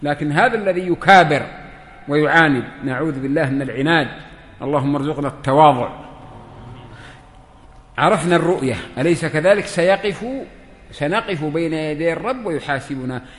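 A man's voice: on the high side, a little fast, long pauses, fairly bright tone. A man, giving a religious lesson and putting questions to his listeners. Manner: questions the listeners, acts out dialogues. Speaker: religious teacher. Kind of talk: lesson to a seated audience. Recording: echoey hall.

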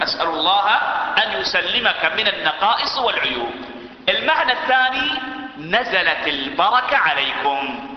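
Fast-talking man teaching in an echoey hall. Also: high-pitched. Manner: repeats key phrases and asks the audience rhetorical questions. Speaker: religious teacher. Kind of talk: religious lesson to a seated audience. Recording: echoey hall, dull sound.

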